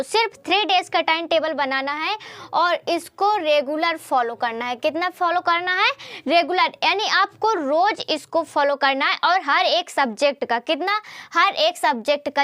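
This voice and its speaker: A woman's voice: very high voice, animated, moderate pace, pushed and bright, no echo. A woman teacher giving a chatty motivational study lesson, often repeating herself and asking rhetorical questions.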